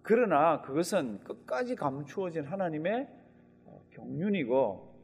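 A husky-voiced male pastor preaches in a lively, swooping delivery that sits on the higher side for a man. He acts out quoted lines with sudden loud outbursts. His voice rings through the long reverb of a church hall. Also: a little slow. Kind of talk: sermon.

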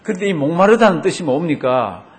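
A man's voice: on the high side, animated, fairly quick. A male pastor preaching a sermon to his congregation, asking them rhetorical questions and drawing out the Bible verses he quotes.

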